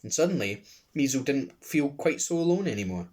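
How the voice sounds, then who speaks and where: A man with a Glasgow accent reading a children's book aloud, expressive, with chatty asides. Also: medium pitch, a little fast. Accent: Scottish (Glasgow).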